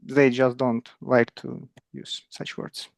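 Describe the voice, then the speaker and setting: Club participant, creaky voice, hesitant delivery, close dry sound. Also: mid-range voice, little pitch movement, takes it slowly, no room sound. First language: Russian. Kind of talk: halting conversational second-language speech.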